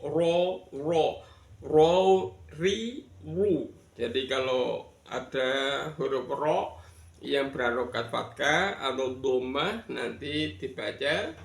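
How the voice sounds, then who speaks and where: A man's voice: medium pitch, gravelly, a bit bright. A man from Indonesia teaching Quran reading rules, patiently spelling out letters and counting learners in. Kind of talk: tajwid lesson with recitation. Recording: echoey room.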